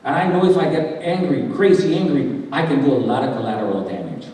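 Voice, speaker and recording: A man's voice: fairly high pitch, fairly quick, dark tone. A man giving a dramatic testimony as guest speaker in church, acting out the words of the people in his story. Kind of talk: testimony sermon. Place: church sanctuary. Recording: echoey church hall from far off.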